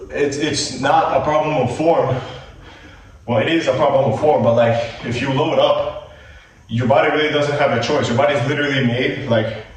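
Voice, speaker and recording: A man's voice: mid-range voice, a little hiss or hum. Fitness vlogger, male, non-native speaker with American-leaning English, loose gym-buddy delivery, far from the mic in a very echoey gym with faint background ambience. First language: not English. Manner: loose, filler-heavy, talks like a gym buddy. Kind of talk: casual workout instruction. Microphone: camera on a tripod at a distance.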